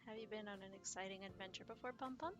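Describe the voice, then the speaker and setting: A young woman streamer casually commenting on a game, giggling, swearing and dropping into soft asides. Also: mid-range voice, very fast, music in the background.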